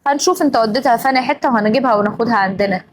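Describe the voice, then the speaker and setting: A woman's voice: on the high side, very fast, noisy background. A young Egyptian woman with an Egyptian accent, acting in a family drama, scolding over and over and growing emotional. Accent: Egyptian Arabic. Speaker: regular of the show.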